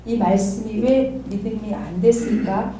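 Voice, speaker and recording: A woman's voice: mid-range voice, unhurried, noisy background. Middle-aged woman sharing a testimony, distant and echoey. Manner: candid, laughs often while telling. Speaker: study group member. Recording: distant mic in an echoey room.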